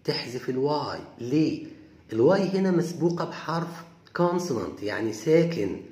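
A man with an Egyptian Arabic accent teaching English vocabulary, saying each word slowly several times and then explaining it. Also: a little high, a little mellow. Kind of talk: vocabulary lesson, reading words aloud and explaining. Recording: echoey room.

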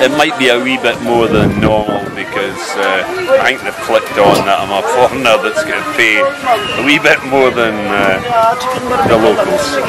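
A man's voice: mid-range voice, rough recording. Chatty man in his fifties. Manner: chatty, filler-heavy with frequent "uh". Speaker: vlogger. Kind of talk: casual travel vlog. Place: outdoor beach resort. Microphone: handheld camera at arm's length. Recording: loud outdoor crowd and traffic noise.

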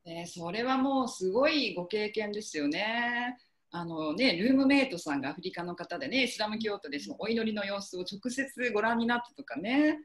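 Woman interview host, polite and summarizing; animated pitch, roomy echo. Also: brisk. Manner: polite, summarizes the guest's answers. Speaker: interview host, English coach.

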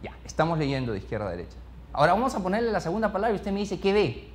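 A man's voice: high voice, very fast, slight background noise. A man teaching a speed-reading class, asking the group question after question and filling his talk with short tag questions. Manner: animated, questions the group over and over; peppers speech with "¿ya?" and "¿no?". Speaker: speed-reading course instructor. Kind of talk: interactive classroom lesson.

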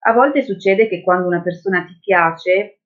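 A woman hosting a casual book reading chat, playful and animated, with hesitant fillers. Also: on the low side, moderate pace. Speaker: book reader and reviewer. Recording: tinny phone-like line.

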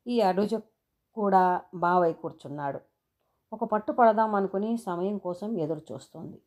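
A middle-aged woman from India narrating an audio story in an expressive, unhurried reading. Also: on the low side.

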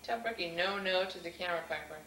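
A woman's voice: fairly low pitch, fast, sharp tone, reverberant, a little hiss or hum, low-quality recording. A woman coaxing and playfully questioning her toddler during a family home video, heard on old camcorder audio. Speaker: mother filming with her children.

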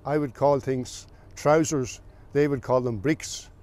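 An older man from the south of Ireland, a farmer recalling his family's history in a plain, unhurried way with small pauses. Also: medium pitch, fairly even intonation, darkish tone. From south of Ireland, County Meath. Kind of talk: oral history recollection.

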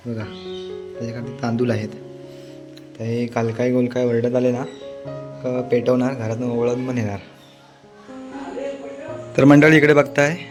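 A man's voice: mid-range voice, rough recording. A man from the Konkan region, narrating a village vlog in a chatty way, talking straight to viewers and often restarting his sentences. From Konkan, Maharashtra. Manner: chatty, addresses viewers directly, frequent restarts. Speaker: village vlogger. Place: village home and outdoors.

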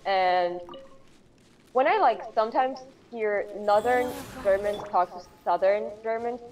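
A woman's voice: medium pitch, measured pace, darkish tone. A woman chatting casually as a stream guest, sometimes searching for words. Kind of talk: casual chat. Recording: distant mic with faint noise.

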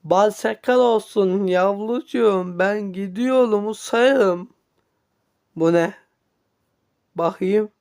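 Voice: mid-range voice, takes it slowly, long pauses, darkish tone, clean tone. An amateur fan dubber voicing every character of a cartoon.

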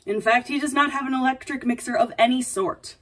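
In a tiny apartment kitchen, a young woman hosts a tongue-in-cheek baking video as a playful, sassy princess, mock-dainty and dropping dry asides. She sounds playful and flustered, her high voice running a little fast. The kitchen camera a few feet away picks her up from a distance.

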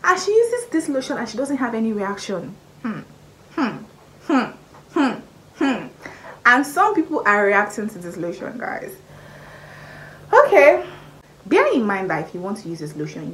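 A young woman in her twenties with a Nigerian accent, talking straight to camera in a casual beauty review, repeating key points and jumping up in pitch for emphasis. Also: big pitch swings, normal speed, long pauses, a bit bright, a little hiss or hum, low-quality recording. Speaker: beauty vlogger. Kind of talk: casual product review vlog. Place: small indoor room by a curtained window. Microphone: camera at arm's length, face framed close.

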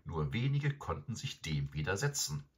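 A man narrating a fairy tale audiobook in an expressive, dramatic way. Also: low voice, normal speed, slightly rough. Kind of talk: scripted storybook narration.

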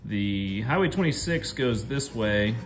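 A man's voice: fairly low pitch, expressive, unhurried, soft background music. A man in his thirties making a casual travel vlog, talking to a camera held at arm's length, easygoing and thinking aloud with fillers and restarts. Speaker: travel vlogger. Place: in a car, then outdoors on open prairie. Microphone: handheld camera at arm's length.

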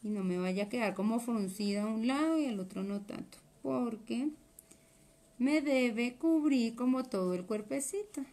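This woman, a sewing instructor from Colombia, keeps up friendly chatter while teaching a live class at a cutting table indoors, explaining as her hands work. Her voice is fairly high and warm, at a moderate pace.

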